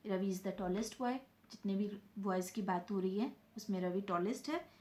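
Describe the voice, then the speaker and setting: A woman's voice: mid-range voice, normal speed, mellow. A woman teaching a grammar lesson, explaining step by step and answering her own questions.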